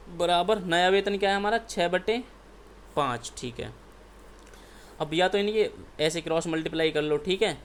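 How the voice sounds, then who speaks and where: High-voiced man teaching exam maths. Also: a little hiss or hum. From India. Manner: keeps asking and answering his own questions, repeats "ठीक है". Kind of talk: step-by-step exam maths lesson.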